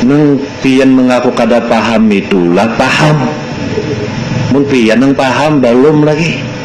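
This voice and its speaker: A man's voice: mid-range voice, reverberant, noisy background. A man with a Banjar accent giving a Sufi study lesson, mixing Arabic quotations with local dialect and firing rhetorical questions at listeners, heard from an old worn tape recording. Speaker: religious teacher.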